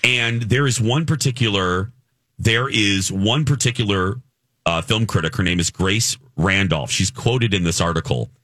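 This man co-hosts a casual morning radio show, speaking animatedly at a moderate pace, his voice swooping up high whenever he gets emphatic. There's no room sound.

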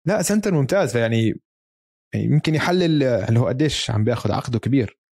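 A man's voice: mid-range voice, expressive, rapid-fire, a little mellow, no room sound, clean studio sound. A man with a Levantine Arabic accent chatting casually about sport as a co-host, dropping English terms into his Arabic. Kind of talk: casual basketball chat.

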